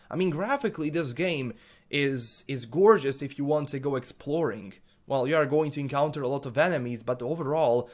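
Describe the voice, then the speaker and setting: A man from Bosnia, hesitantly reviewing a game and answering viewer comments, full of fillers and repeated words. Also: fairly high pitch. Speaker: gaming YouTuber.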